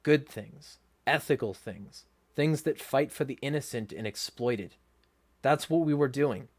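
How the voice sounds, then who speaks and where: A man runs a ranting livestream, reading viewer comments in a mid-range voice at a somewhat slow pace. He is blunt and indignant, swearing heavily with a sarcastic edge.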